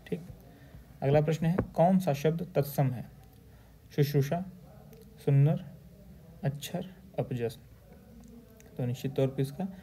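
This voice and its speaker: A male teacher going through exam questions, reading each answer option aloud slowly and then stating the correct one. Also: a little high, dark tone, slight background noise. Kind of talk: exam question walkthrough lecture.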